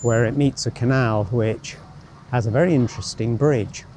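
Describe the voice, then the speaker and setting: A travel vlogger with a mid-range, darkish voice walks beside a road and canal, offering casual commentary at a moderate pace. He thinks aloud in a rambling, wry, self-deprecating way, while street noise and passing vehicles fill the outdoor recording.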